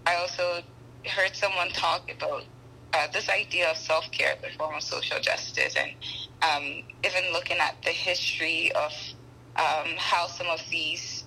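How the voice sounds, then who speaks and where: Thoughtful young woman, bright voice. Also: lowish voice, fairly even intonation, moderate pace, a little hiss or hum, poor audio. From Ghana. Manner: thoughtful, frequent ums and restarts. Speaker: podcast guest. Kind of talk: conversational interview.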